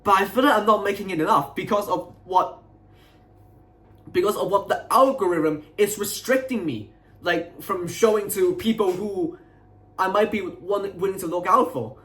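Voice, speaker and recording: A young adult man venting to his viewers in a frustrated, aggrieved, unscripted rant, halting and repeating himself as he rambles. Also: high-pitched, a bit bright, rough recording. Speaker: video creator.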